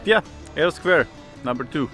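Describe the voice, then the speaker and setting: A man's voice: on the high side, expressive, measured pace. A man hosting a vlog in an informal, wry, self-deprecating way, with music behind him. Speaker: vlog host. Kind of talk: casual vlog presenting. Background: faint background music.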